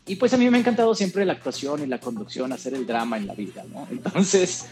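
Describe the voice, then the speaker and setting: A middle-aged Costa Rican man, an actor and presenter appearing as a guest, chats casually in a mid-range voice. He talks fast, stays relaxed and laughs often, with faint music playing behind him.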